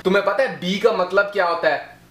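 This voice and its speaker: A strict, sarcastic father, played by a man in a comedy sketch, heaping loud insults on his son. His voice is fairly high, with an echoing room heard from a step back from the mic. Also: brisk, distant mic, background noise, lightly acted. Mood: scolding. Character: strict, angry middle-aged father.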